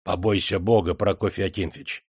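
A man's voice: low-pitched, steady tone, normal speed, breathy edge, dry recording. A fawning old clerk put on by a man wheedles and pleads in a raised, cringing voice. He is timid yet cunning. The sound is dry and close. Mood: pleading. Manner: wheedling, ingratiating.

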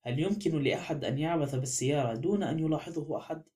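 A man's voice: fairly high pitch, very fast, mellow, close to an everyday voice. A man voicing a vain, proud male detective in an audiobook, pompous and insistent in his manner. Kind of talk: audiobook character reading.

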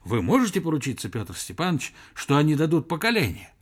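A man reading the part of an irritable, scornful male zoology professor who fires off sharp, angry questions. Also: mid-range voice, very animated, a little slow. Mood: heated.

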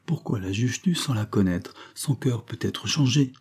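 A man reading and voicing a devoted foster mother who speaks softly and gently. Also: fairly low pitch, normal speed, slightly rough. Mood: gentle. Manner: soft and gentle.

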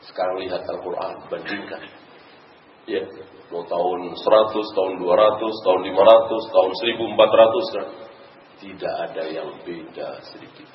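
A man's voice: low voice, steady tone, normal speed. A man preaching an Islamic lecture, asking rhetorical questions and explaining Arabic verses. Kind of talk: religious lecture. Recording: roomy, distant, dull recording with faint noise.

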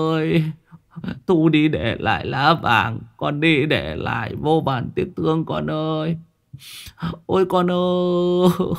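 A man's voice: mid-range voice, vocal fry, pitched above the performer's own voice. A man voicing an older father who wails and sobs over his daughter. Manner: wailing lament, sobbing.

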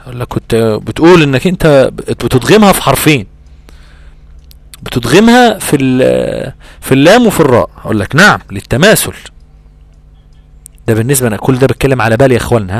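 Animated Egyptian man teaching recitation. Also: mid-range voice, no echo. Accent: Egyptian Arabic. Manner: animated, acts out imagined student exchanges, drawn-out recitation examples. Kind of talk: Egyptian colloquial tajweed lesson.

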